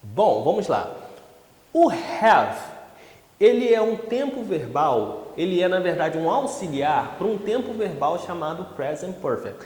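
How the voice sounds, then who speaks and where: Lively chatty male English teacher. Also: high-pitched, measured pace. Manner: lively, chatty, peppers speech with "tá?". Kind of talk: casual online English lesson. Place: classroom with whiteboard. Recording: echoey room with long reverb.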